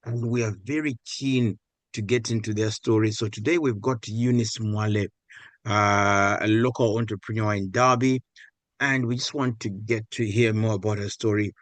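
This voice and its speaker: Low-voiced male podcast host, dry. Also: fairly even intonation, normal speed, dry recording. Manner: friendly, casual, with stammered starts. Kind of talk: interview host.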